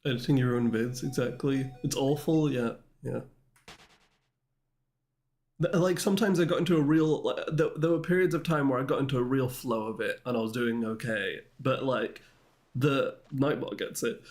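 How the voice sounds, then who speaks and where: A man's voice: medium pitch, moderate pace, darkish tone. A man with a mid-range voice streams a game and chats loosely with his viewers. He rambles and makes fun of himself while answering the chat. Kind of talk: casual livestream chat with viewers.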